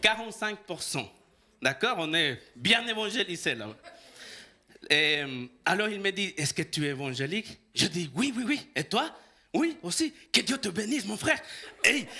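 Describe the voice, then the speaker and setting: A man preaches in French, his voice high and very bright. He tells a personal story and acts out every bit of dialogue. His pitch leaps up and down as he laughs his way through it. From El Salvador.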